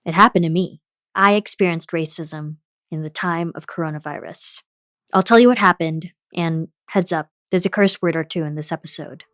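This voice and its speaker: A woman's voice: fairly low pitch, normal speed, fairly bright tone, no room sound. A woman hosting a podcast, telling a personal story in candid, scripted narration. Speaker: podcast host.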